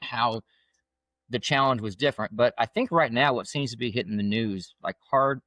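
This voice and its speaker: A man's voice: mid-range voice, normal speed, pushed and bright, dry recording. A man hosting a hunting podcast, asking friendly, upbeat questions of his guest. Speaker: podcast host. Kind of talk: podcast interview.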